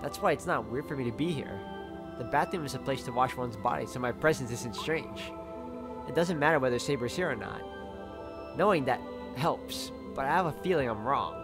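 Medium-pitched man narrating a story. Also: lively intonation, moderate pace, over music. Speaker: reader of a visual novel playthrough. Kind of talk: first-person story narration read aloud.

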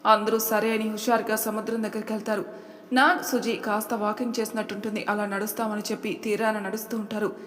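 A woman's voice: medium pitch, little pitch movement, fast, a bit bright, in a large hall. A woman narrating an audiobook story in a chatty way, talking to her listeners.

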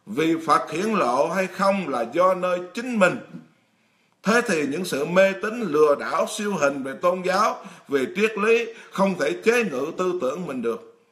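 A man's voice: sits high, lively intonation, measured pace, a bit bright. A middle-aged man, a monk giving a blunt, emphatic sermon straight to his congregation. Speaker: Buddhist monk preaching. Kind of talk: dharma talk sermon.

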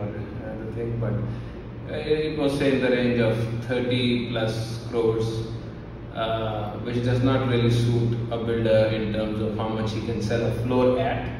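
Echoey, even-toned Indian man. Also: on the low side. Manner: halting, thinking aloud, repeats phrases. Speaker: real estate agent presenting a market update. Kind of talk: informal talking-head market commentary. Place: small office indoors. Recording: very echoey room, distant mic, background noise.

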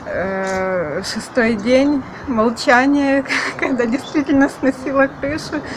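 A woman in her twenties talks openly and in a friendly way to a camera outside a building. Her voice sits fairly high. Outdoor ambience comes through clearly. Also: takes it slowly, noisy background. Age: 20s. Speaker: accountant. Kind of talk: short testimonial to camera.

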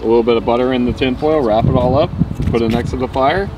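A man's voice: mid-range voice, fast. A young man hosting an outdoor cooking vlog, talking casually and upbeat while cooking with a friend at night. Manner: relaxed, upbeat banter. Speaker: vlog host. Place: outdoors at night on an island campsite. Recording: outdoor recording with clear background noise.

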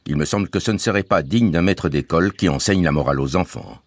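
A man's voice: sits low, fast talker, no echo, clean studio sound. A man voicing a scrupulous, stern schoolteacher father who speaks in a principled, indignant way.

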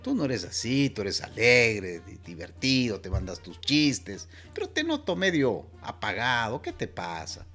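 A man's voice: medium pitch, wildly swooping pitch, a little slow, hardly any pauses, pushed and bright, soft background music, pitched below the performer's own voice, heavily acted. An Ecuadorian man quoting a coaxing taxi driver. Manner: coaxing, reassuring. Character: friendly, persuasive man, a taxi driver offering help.

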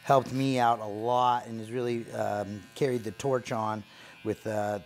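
A man's voice: medium pitch, fairly even intonation, a little slow, soft background music. A man in his thirties, a barbershop owner, talking earnestly and gratefully in a casual interview while he cuts hair, with lots of fillers. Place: barbershop basement.

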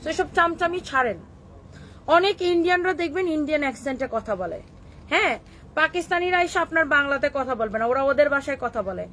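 A woman's voice: sits high, fairly quick, a bit bright, slight background noise. Defiant woman with a Kishoreganj accent. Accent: Kishoreganj Bengali. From Bangladesh. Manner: scolding, defiant, mixes English words into Bengali. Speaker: clothing shop owner hosting a live stream. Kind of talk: live stream reply to viewer comments.

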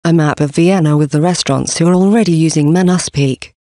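A man giving a scripted presentation for a company, reading slide contents and symbols aloud in a steady, even delivery. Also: a little high, fairly quick, no room sound, studio quality.

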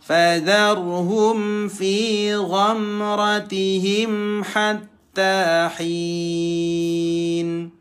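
An Indonesian man with a high, fairly bright voice gives an instructional Quran reading lesson, chanting Arabic recitation examples with over-enunciated, stretched syllables.

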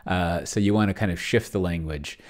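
This deep-voiced, brisk man is a video host who plays tabletop roleplaying games solo, recording his screen indoors at a computer. His commentary is casual and hesitant, rambling as he thinks aloud and poking wry fun at himself.

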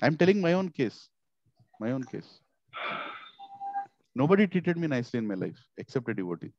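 A middle-aged man with a South Indian accent giving an informal devotional sermon, animated and repetitive, asking rhetorical questions into a headset mic. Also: medium pitch, normal speed, gravelly, dry recording. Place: small indoor office. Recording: slightly dull, lo-fi headset audio.

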